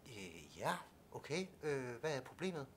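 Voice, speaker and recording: A man's voice: medium pitch, very animated, breathy edge. An actor playing an awkward caseworker who hesitates and fills his speech with filler sounds. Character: awkward, fumbling male caseworker. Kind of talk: student film acting.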